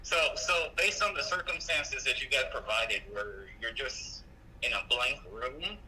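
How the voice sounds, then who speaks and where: Man heard through a phone on speaker, very bright tone, matter-of-fact explainer. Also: medium pitch, expressive, unhurried, slight background noise, poor audio. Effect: speakerphone call. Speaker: phone-in friend. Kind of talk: casual chat.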